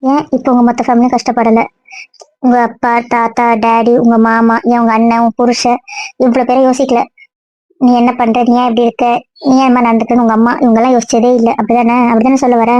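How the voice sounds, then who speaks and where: A woman's voice: on the high side, level tone, fast, darkish tone, no echo, highs cut off, close to an everyday voice. A woman playing an exasperated, scolding young woman. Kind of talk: amateur audio drama.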